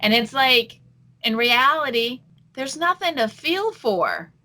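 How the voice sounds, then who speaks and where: High, bright, ranting woman co-host. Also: animated, slow pace. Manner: ranting, crude, swears heavily. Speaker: podcast co-host. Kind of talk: casual chat.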